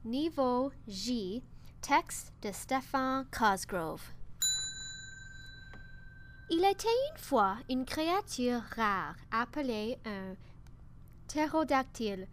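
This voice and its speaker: Slow, careful woman reading a children's book. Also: on the high side, a little hiss or hum. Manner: slow, careful, expressive read-aloud. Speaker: storybook reader.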